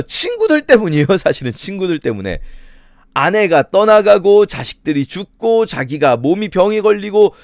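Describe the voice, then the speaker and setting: A man's voice: high-pitched, dry recording, studio quality. A man preaching a Bible study sermon, retelling the scripture's speeches dramatically in everyday speech. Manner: explains scripture by voicing the speakers in everyday speech; dramatic, emphatic delivery. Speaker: pastor.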